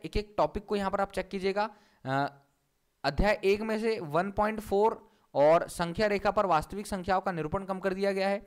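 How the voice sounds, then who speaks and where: A man with a high voice teaches an online class, walking viewers through a document one item at a time. He repeats his instructions again and again as he goes. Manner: repeats points over and over, instructing.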